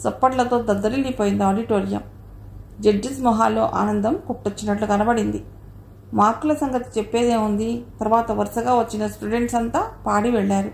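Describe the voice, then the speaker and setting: A woman's voice: on the high side, a little fast, creaky. Woman narrating an audio novel. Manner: steady, storytelling. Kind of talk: scripted narration. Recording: roomy echo, faint noise.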